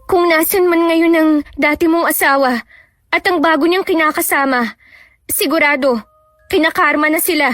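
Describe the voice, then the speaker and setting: A frightened teenage younger sister, put on by a woman with a very high, thin voice. She pleads anxiously with her older sister. A horror story telling. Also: normal speed, long pauses, a bit bright, no echo, clean studio sound. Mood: worried. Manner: pleading and worried.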